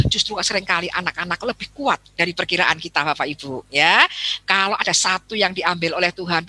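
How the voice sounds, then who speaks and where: A woman's voice: fairly low pitch, bright, forceful tone, no echo. A woman with a Javanese accent giving a chatty seminar talk, addressing her audience often and acting out little dialogues. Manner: acts out quoted dialogue.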